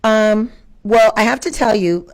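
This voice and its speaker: Her voice sits a little high and moves at an unhurried pace. As a guest being interviewed, this schoolteacher answers conversationally, thinking aloud with expression, quoting what went through her mind and asking questions she doesn't expect answered.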